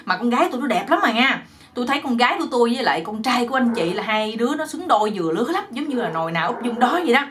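A poor village mother in a folk joke, coaxing and persuasive, as a Southern Vietnamese woman storyteller puts her on. A slightly high voice. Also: lively intonation, racing, background noise, close to an everyday voice. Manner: persuasive, pleading.

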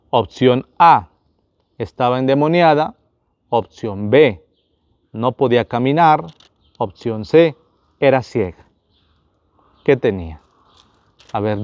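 A man's voice: medium pitch, a little mellow, dry recording, muffled recording. A man, a priest, running a Bible quiz for his viewers, asking each question, repeating it, and speaking to them directly.

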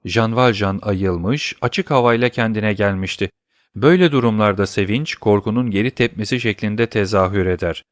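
A man reading a classic novel aloud as an audiobook narrator, in a steady, measured way. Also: fairly low pitch, no room sound, clean studio sound.

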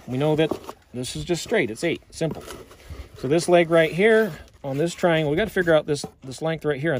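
A man's voice: on the high side, a little mellow, slight background noise. A middle-aged man giving a hands-on welding lesson in an outdoor work yard, explaining step by step in a plain, practical way, recorded on a nearby phone camera. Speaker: welding instructor. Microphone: phone camera held nearby.

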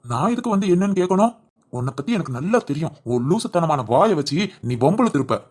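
A woman voicing a gruff, short-tempered village husband and father who scolds his wife quickly and sharply in a cartoon. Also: on the low side, sing-song, a little mellow. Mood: threatening. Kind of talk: cartoon voice acting.

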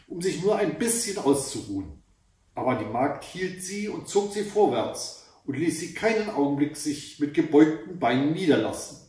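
A man reads a fairy tale aloud in an even, measured way. His voice sits a touch high. The room is very echoey and he is some distance from the mic. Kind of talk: storybook reading.

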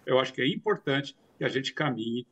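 A man's voice: mid-range voice, animated, a little fast, a bit bright, slightly rough, lo-fi sound. A man in his sixties giving remote news commentary from a home study over a video call, explaining at length with frequent hesitations and repeated fillers.

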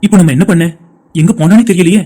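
Performer doing a worried cartoon young man, subdued and evasive, talks very fast. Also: medium pitch, mellow, faint music behind, close to an everyday voice. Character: worried young man searching for his brother. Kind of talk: animated cartoon dialogue.

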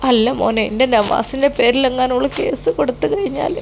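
A woman's voice: high-pitched, fairly quick, vocal fry, slight background noise. A woman voicing an anxious, pious older mother who speaks in fretful, pleading tones.

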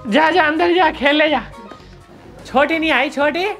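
Lady doing a cheeky old hyderabadi uncle, high voice, pokes fun at everyone, faint music behind. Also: measured pace, fairly bright tone. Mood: teasing. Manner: teasing, mock-scolding. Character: elderly male family elder, teasing and blunt. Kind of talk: comedy sketch acting.

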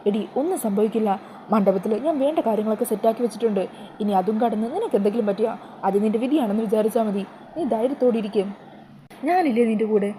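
A soothing, reassuring young woman friend, voiced by a woman narrator. The voice is warm and dark-toned and it moves fast, with faint noise behind it. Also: fairly high pitch, expressive, natural voice, low-quality recording.

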